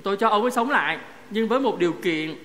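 A priest voicing God in a joke, a calm and wry male figure. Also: high-pitched, fast. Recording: echoey church hall, faint noise.

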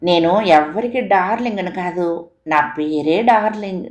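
A woman's voice: on the low side, moderate pace, a little mellow, lightly acted. A woman voicing a cheerful, polite young woman caller with a sweet, giggly way of talking. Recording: echoey room recording.

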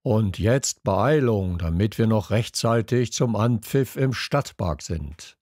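A brisk, rallying sports coach, as a male reader voices him. The voice swings up and down with drive yet stays unhurried, recorded close and dry. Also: fairly low pitch, expressive, a little mellow, no echo. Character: hearty sports coach, grown man. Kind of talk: children's audiobook reading.

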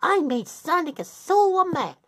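Woman doing a boastful teasing cartoon plumber guy, breathy, slow, swoops up and down a ton, fan dub. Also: very high voice, big pitch swings, fairly bright tone, no room sound, studio quality, exaggerated voice. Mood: gloating. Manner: taunting, giggly, sing-song. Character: cocky male plumber hero, teasing and boastful.

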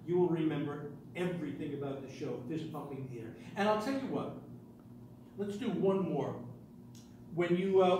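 A middle-aged man performs live stage hypnosis with a fairly high voice for a man. He gives commanding, deliberate suggestions and repeats his phrases. He is heard from a distance in a very echoey room. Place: medium-sized carpeted indoor meeting room. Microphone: distant camera across the room. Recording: roomy echo, distant camera mic, background noise.

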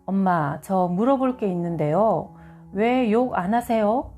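A woman's voice: mid-range voice, lively intonation, a little slow, warm tone, faint music behind, lightly acted. A woman voicing a sulky, defiant teenage son who blurts out his resentment. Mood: meek.

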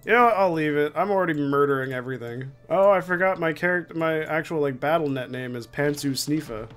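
A man's voice: fairly high pitch, quick pace, fairly bright tone, smooth. A young man giving casual, sweary, joking commentary as he plays a game. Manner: sweary, joking, reacting aloud. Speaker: gamer commentating a playthrough. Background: game music.

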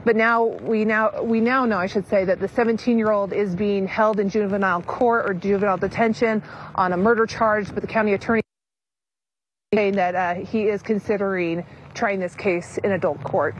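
A woman field reporter giving a live news report outdoors at night, brisk, with some fillers. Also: medium pitch, fairly even intonation, a little hiss or hum, rough recording.

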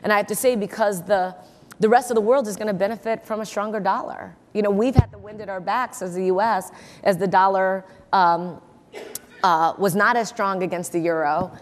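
Give me an emphatic woman in her forties answering on a conference stage, mid-pitched, with hall reverb. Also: steady tone, normal speed. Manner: confident, emphatic, repeats words for stress. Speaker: investor and keynote guest. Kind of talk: onstage interview. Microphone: lapel mic.

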